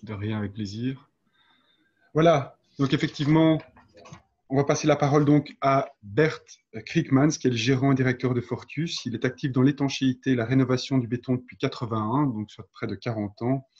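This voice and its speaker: A man's voice: medium pitch, brisk, darkish tone, husky. A man hosting and moderating an online seminar, introducing and helping speakers. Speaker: webinar host. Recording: dull lo-fi video call audio.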